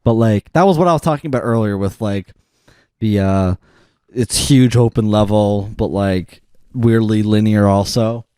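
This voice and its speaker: Male podcast co-host, warm mellow tone, dry close mic, rambling chatter full of "like" and "um". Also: fairly low pitch, normal speed, clean tone, no echo. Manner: rambling, frequent fillers and restarts. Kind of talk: casual chat.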